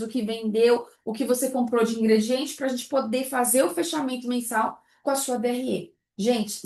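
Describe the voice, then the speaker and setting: A high-voiced woman leads a live class on pricing sweets. She keeps throwing rhetorical questions at her students. Her voice carries a roomy echo. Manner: lively, rhetorical questions to the audience. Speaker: baking business instructor.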